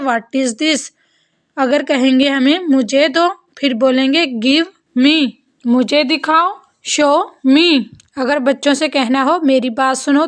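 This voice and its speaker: A woman teaching short everyday phrases in a slow, deliberate way, repeating each one for learners. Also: high-pitched. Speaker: English teacher. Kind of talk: spoken language lesson.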